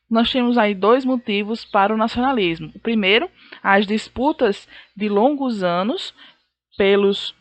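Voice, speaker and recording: A teacher with a Brazilian Portuguese accent gives a recorded history lesson in a slightly high voice with no echo. She explains didactically and repeats the key points.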